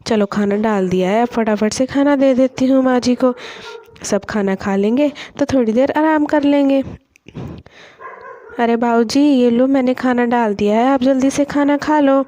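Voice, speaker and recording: Woman doing a young village daughter-in-law, respectful, high voice, mellow, slightly dull lo-fi. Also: moderate pace, lightly acted.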